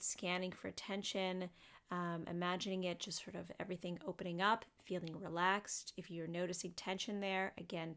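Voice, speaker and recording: A woman psychotherapist talking through a guided body scan meditation in a gentle, unhurried way, with frequent fillers. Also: on the low side, creaky.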